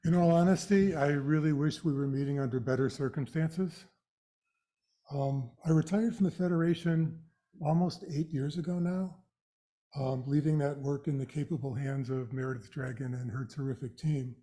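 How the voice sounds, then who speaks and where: An older man with vocal fry giving an educational talk in a measured, halting, explanatory way. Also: on the high side, mellow. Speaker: guest speaker, retired executive director. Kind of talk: educational presentation to a live audience.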